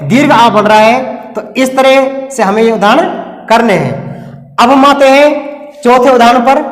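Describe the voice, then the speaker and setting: A male teacher giving a classroom lesson at a board. He asks questions and answers them himself, repeating each step. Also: very high voice. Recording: echoey, roomy classroom.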